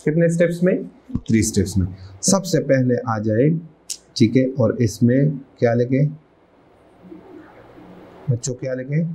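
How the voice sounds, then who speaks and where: Mixing English legal passages into his Urdu explanations, a middle-aged Pakistani-accented man lectures an accounting class and asks his students questions as he goes. He has a warm, mid-range voice with a breathy edge, speaks at a measured pace with frequent pauses, and comes through a rough recording.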